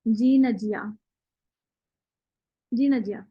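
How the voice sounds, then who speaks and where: A woman's voice: fairly high pitch, extremely slow, mellow, husky, dry recording, lo-fi sound. A woman teaching Quran recitation in an online class, explaining patiently step by step and reciting examples.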